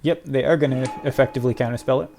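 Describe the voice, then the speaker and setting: A young man giving excitable live commentary on his own card game match, muttering one moment and crying out the next. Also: medium pitch, very fast, gravelly, soft background music. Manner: excitable, swings from mutters to loud cries and laughter. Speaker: gaming video creator.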